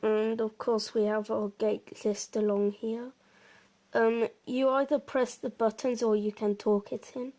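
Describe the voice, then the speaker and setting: In casual gameplay commentary, a woman talks very slowly in a fairly high, mellow voice with little pitch movement, staying quite level. She explains informally, wandering a bit and hesitating now and then.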